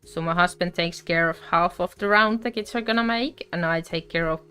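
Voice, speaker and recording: A Finnish woman whose first language is Finnish hosts a crochet livestream, chatting casually as she crafts. Her voice is smooth and low with a sharp tone, and she talks in an unhurried, chatty way with frequent fillers.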